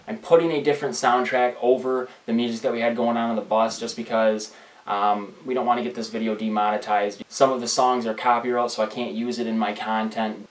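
A young man vlogger talking casually in a rambling, deadpan way. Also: medium pitch. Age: young adult. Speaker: vlogger and prank caller. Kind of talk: casual prank call and vlog chat. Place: small room indoors at home. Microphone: camera a few feet away. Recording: roomy echo, distant microphone.

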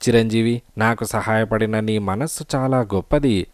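A man voicing a kindly old male sage who speaks gently, giving blessings. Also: lowish voice, normal speed, no echo, close to an everyday voice.

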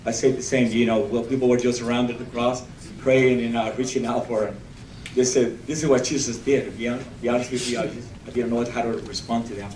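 A man giving a halting testimony at a church meeting, restarting his sentences often. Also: medium pitch, flat delivery, darkish tone, a little hiss or hum. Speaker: outreach volunteer reporting. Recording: echoey room, distant camera mic.

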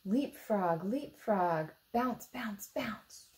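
An animated American woman reads a children's picture book aloud at an extremely slow pace, her voice at medium pitch, pausing for asides and simple questions to young listeners. She's a storytime reader in an indoor room beside a book display, with slight background noise.

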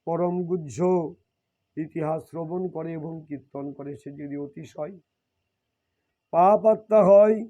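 A man with a slightly high voice reads devotional texts and explains them at a measured pace, leaving long pauses. He keeps repeating and rephrasing his points, all on a dull lo-fi recording.

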